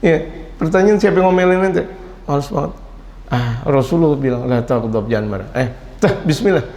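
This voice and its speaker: Animated male preacher in a reverberant hall. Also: fairly quick. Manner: animated storytelling, mixing Arabic quotes with casual Indonesian, sudden jumps in pitch. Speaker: Islamic preacher. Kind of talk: lively religious study sermon.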